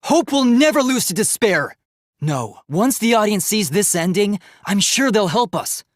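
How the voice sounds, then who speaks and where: Here the robot character is fierce and defiant, voiced by a man with a youthful, high, slightly husky tone, earnest and determined, delivering lines formally and emphatically. He sounds animated at a measured pace in a dry, clean studio recording.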